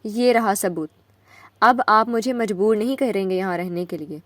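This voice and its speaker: A woman voicing a young wife who accuses her husband through tears, loud and upset. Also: mid-range voice, dry recording, natural voice. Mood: tearful anger. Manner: tearful and shouting.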